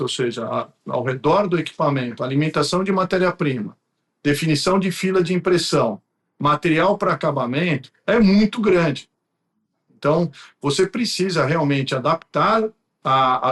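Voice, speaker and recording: A man with a Brazilian accent, an interview guest explaining things in conversation. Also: a little high. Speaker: guest from a printing company.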